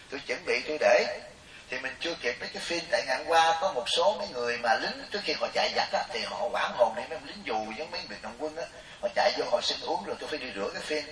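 A middle-aged man with a fairly high, slightly bright voice delivers a humorous Buddhist sermon in a chatty, storytelling way, often pausing to pose questions to his listeners. The recording sounds roomy, with the mic set at a distance.

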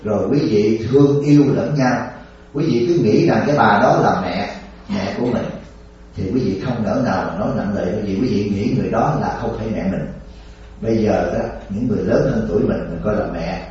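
A man's voice: on the low side, brisk, darkish tone. A man, a Buddhist monk giving an informal dharma talk in a folksy, joking way, often laughing and checking in with his listeners. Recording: distant, echoey, dull lo-fi with faint hiss.

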